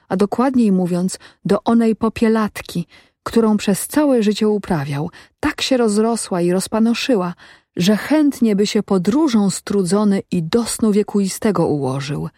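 A woman narrating a story aloud in a calm, measured reading. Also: medium pitch, dry recording, studio quality. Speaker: audiobook narrator. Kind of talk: scripted narration.

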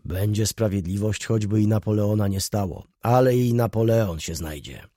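A man doing a calm, steadfast old father. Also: fairly low pitch, moderate pace, no echo, studio quality, close to an everyday voice.

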